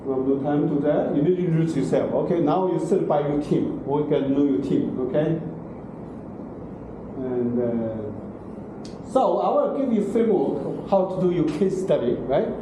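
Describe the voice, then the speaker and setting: In a large classroom, a middle-aged man gives a university lecture in broken English, regularly tossing in "okay?" and "right?". His voice is fairly high and animated at a moderate pace, and the far room camera makes the recording very echoey and noisy.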